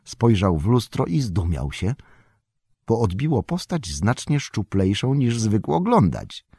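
A man narrates a fantasy audiobook with measured, expressive storytelling. His voice is low and husky, moving in lively pitch swings. The recording is close and completely dry. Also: dry recording.

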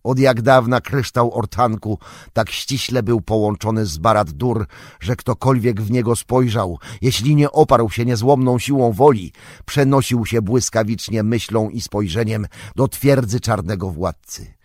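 A man voicing a wise, stern old male wizard in an audiobook, explaining at length in a measured, grave way. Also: fairly low pitch, darkish tone, dry recording, studio quality. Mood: musing. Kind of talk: audiobook character reading.

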